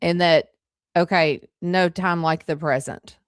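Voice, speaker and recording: A woman hosts a relaxed interview in an easy, talkative way, leaning on filler words. Her voice is smooth and clear, set a little low. The recording is dry, with no room sound. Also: a little slow, no echo. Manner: chatty, with frequent "like" and "you know" fillers. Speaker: host. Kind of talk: casual conversational interview.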